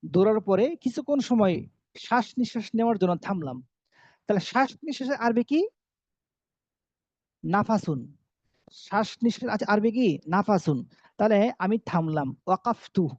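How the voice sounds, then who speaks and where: A teacher giving a recorded Arabic lesson explained in Bengali, who asks questions, answers them himself and repeats each phrase slowly. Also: medium pitch, a little mellow, no echo. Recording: dull, dry lo-fi recording.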